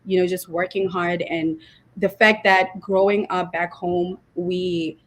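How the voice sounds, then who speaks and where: A woman's voice: on the low side, little pitch movement, takes it slowly. A woman in her twenties from Zimbabwe, a guest on an interview, talking in a hesitant way full of fillers and restarts. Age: 20s. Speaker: guest entrepreneur. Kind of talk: casual interview talk.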